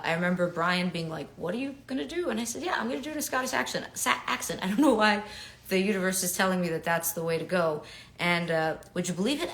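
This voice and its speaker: Speaking into a webcam mic from her home, a thirtysomething actor from New York signs autographs for a livestream audience. Her voice is slightly low, and her talk is chatty and cheerful, drifting into quiet murmurs while she writes.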